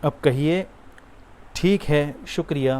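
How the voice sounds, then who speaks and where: A man teaching spoken Arabic, giving prompts, then saying each phrase slowly and asking the listener to repeat it. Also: a little high, a little mellow, a little hiss or hum. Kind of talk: spoken language drill lesson.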